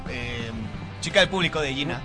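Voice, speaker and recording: A man co-hosting with quick, playful remarks. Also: medium pitch, music in the background. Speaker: co-host. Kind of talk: casual banter.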